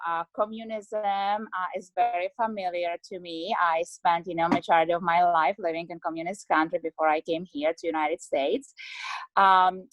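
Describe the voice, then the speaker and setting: A woman's voice: mid-range voice, no echo, poor audio. Czech-accented woman telling her life story. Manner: earnest, many fillers like uh and you know. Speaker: podcast guest. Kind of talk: personal storytelling interview.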